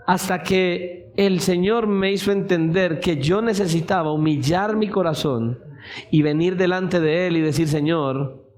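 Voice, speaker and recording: A man preaching a sermon in a church, impassioned, with his voice rising into shouted pleas. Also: high-pitched.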